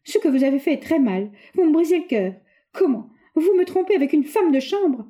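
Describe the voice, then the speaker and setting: Tearful jealous young lady, put on by a female reader, high and strained. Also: brisk, mellow, close to an everyday voice. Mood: anguished accusing. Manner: tearful, pleading, accusing.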